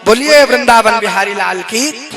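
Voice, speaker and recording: A man preaching a devotional sermon to a live audience, shifting from talk into slow, melodic chanting of Sanskrit verses and asking the listeners questions. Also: very high-pitched, expressive, creaky, music in the background. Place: hall with a seated audience.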